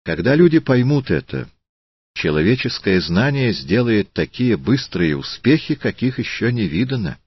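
A man voicing a calm, thoughtful, slightly ironic intellectual, speaking in a measured, reflective way. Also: on the low side, breathy edge, no room sound, lo-fi sound, pitched above the performer's own voice.

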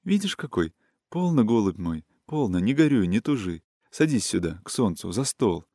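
A man reading a storybook voices a gentle, wistful young woman who speaks in soft, caressing, sing-song folk speech. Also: lowish voice, big pitch swings, moderate pace, dry recording, studio quality. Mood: tender.

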